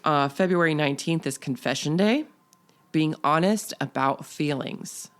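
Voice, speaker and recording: A woman's voice: low-pitched, measured pace. A middle-aged woman co-hosting a chatty podcast. She talks in a loose, playful way, teasing her co-host with dry asides. Laughter keeps slipping into her voice. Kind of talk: casual chat.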